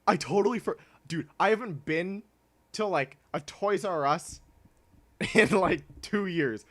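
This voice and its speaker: In a dry recording, a young man with a high-pitched, slightly bright voice takes his time chatting casually on a livestream, reading and answering chat. His nose is stuffed from clogged sinuses, and he rambles, frequently stopping himself to laugh.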